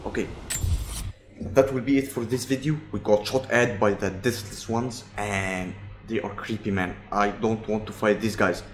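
A man's voice: fairly low pitch, fairly even intonation, normal speed. A man hosting a gameplay video with casual commentary, often repeating short phrases. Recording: clear game noise behind the voice. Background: video game ambience.

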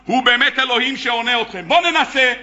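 A bold prophet, put on by a preacher, commands and taunts. The voice is high and very bright, with a dull, lo-fi recording. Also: male voice, exaggerated voice. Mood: commanding. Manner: mocking, commanding.

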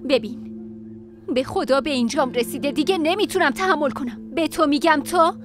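A woman's voice: high-pitched, natural voice. A woman dubbing a bitter, fed-up young woman who argues with her family. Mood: exasperated. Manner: bitter, exasperated. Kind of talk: Persian dub of a TV series.

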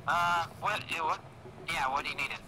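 A man's voice: on the high side, fairly quick, noisy background. A man giving tactical callouts to his squad over game voice chat. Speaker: player calling targets in a military game. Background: loud vehicle and game ambience.

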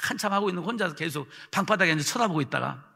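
A man preaching as a pastor, telling a story with acted-out voices, swinging from shouts to a near hush. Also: high-pitched, expressive, very fast, creaky. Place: church hall. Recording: hall reverb.

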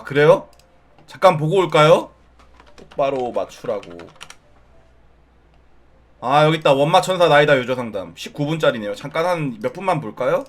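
A man streaming casual commentary on a viewer's game account, teasing, ranting in exasperation and addressing his viewers directly. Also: on the high side. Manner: animated, exasperated rants with mild swearing.

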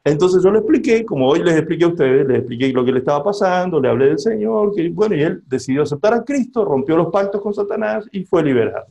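A man, a pastor telling a story to a seminar audience as part of a sermon. He talks in an animated way and asks the listeners questions. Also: fairly high pitch, fast talker, creaky, hardly any pauses.

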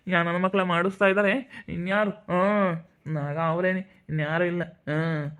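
Woman playing a gruff, blunt older relative. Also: lowish voice, steady tone, a little slow, close to an everyday voice. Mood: blunt dismissive. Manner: blunt, coarse, dismissive. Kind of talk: village family drama acting.

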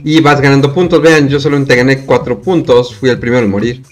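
Excitable man doing game commentary. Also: medium pitch, faint music behind. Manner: reacts loudly with rapid repeated words. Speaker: gaming channel host.

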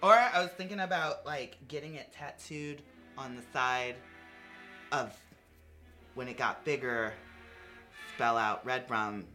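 A young man co-hosting a casual horror film chat in a campy, gushing, animated way. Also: a little high, measured pace, long pauses. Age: young adult. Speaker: co-host. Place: indoor horror-themed studio set. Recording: music behind the voice.

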